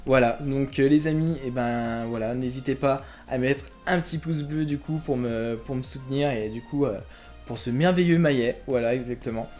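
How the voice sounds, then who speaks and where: A man's voice: medium pitch, normal speed, darkish tone, faint music behind. A man hosting his own collector channel, chatting casually to viewers as he opens trading card packs, with many fillers and a friendly direct address. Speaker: YouTube collector channel host.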